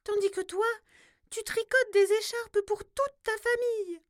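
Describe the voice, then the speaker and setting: A tiny weeping storybook spider. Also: female voice, fairly even intonation, unhurried, no room sound, studio quality. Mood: tearful, plaintive. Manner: tearful high squeaky plea. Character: tiny sad lonely female spider.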